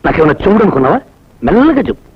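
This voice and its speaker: An actor playing a short-tempered, pompous boss who badgers people with sharp repeated questions, in comic film acting. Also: male voice, high-pitched, big pitch swings, rapid-fire, slightly rough, exaggerated voice. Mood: bossy. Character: blustering, short-tempered male boss, middle-aged. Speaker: pompous boss interviewing job applicants. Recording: dull film soundtrack with faint music.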